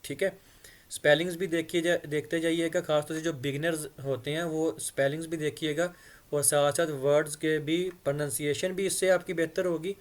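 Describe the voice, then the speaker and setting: A man teaches English phrases. He reads each English line slowly and carefully, then explains its meaning at length. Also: on the high side, steady tone.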